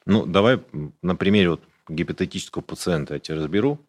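On a casual podcast, a urologist guest with a very deep, low voice talks quickly through medical details. He explains things plainly and matter-of-factly, without any embarrassment, in a relaxed conversational way.

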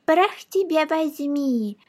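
A woman voicing a blustering old male judge who scolds loudly in a storybook reading. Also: high voice, normal speed, lightly acted. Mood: outraged. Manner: loud exclaiming scolding.

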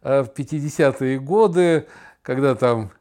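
A middle-aged man co-hosting a podcast chats casually and tells stories in a sardonic, theatrical way, acting out imagined remarks. His voice is mid-range and darkish, and he speaks a little slowly.

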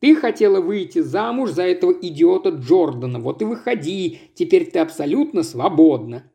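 A man's voice: sits high, big pitch swings, moderate pace, creaky, dark tone, full character voice. A man voicing an impulsive, lovesick husband who pleads ardently. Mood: pleading.

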